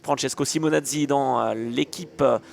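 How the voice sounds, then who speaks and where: A man giving live motorsport race commentary in a hesitant, excitable way. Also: mid-range voice, moderate pace, crowd noise. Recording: clear engine and trackside noise behind.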